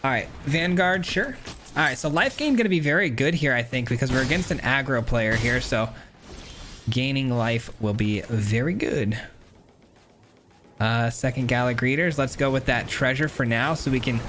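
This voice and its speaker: A man's voice: medium pitch, normal speed, fairly bright tone, a little hiss or hum. A man casually commenting on his own card game as he plays, chatty and self-critical, with frequent ums and uhs. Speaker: gameplay streamer.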